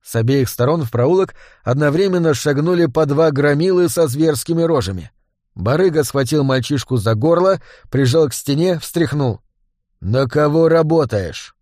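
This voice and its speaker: A man narrating a gritty story in a steady, even reading voice. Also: fairly high pitch, moderate pace, no room sound, clean studio sound. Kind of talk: audiobook narration.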